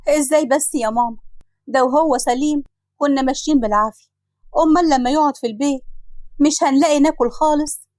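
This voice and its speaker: A woman's voice: a little high, steady tone, very fast, no room sound, natural voice. A woman with an Egyptian Arabic accent voicing a poor, worried sister who wails anxiously. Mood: distraught. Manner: wailing, anxious.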